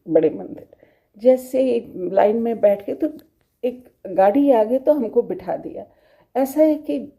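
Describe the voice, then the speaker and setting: A middle-aged woman recounts a devotional experience in a very dark, gravelly voice. She speaks with strong emotion and now and then sinks into soft, murmured prayers. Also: a little high. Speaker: devotee sharing a testimony. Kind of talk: personal devotional testimony.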